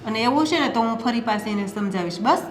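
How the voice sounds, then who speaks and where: A woman's voice: a little high, animated, quick pace, faint music behind, close to an everyday voice. Woman playing a weary, soothing mother-in-law. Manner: soothing, reasoning. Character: mother-in-law, weary peacekeeper between daughters-in-law. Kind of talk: family drama acting. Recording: echoey room.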